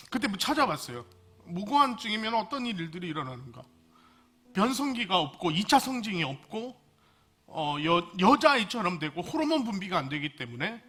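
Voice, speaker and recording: A male pastor in his thirties preaching a sermon to young adults, moving between loud, pleading climaxes and quiet, personal storytelling. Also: high-pitched, breathy edge.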